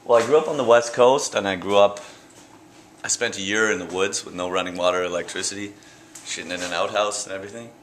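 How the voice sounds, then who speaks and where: A young man from Canada talking casually about his paintings at his gallery show, relaxed and rambling, with fillers and restarts. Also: lowish voice, quick pace, a little hiss or hum. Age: young adult. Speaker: painter interviewed at his exhibit. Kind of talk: casual interview answers. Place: art gallery indoors. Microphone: handheld camera close by. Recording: echoey gallery room.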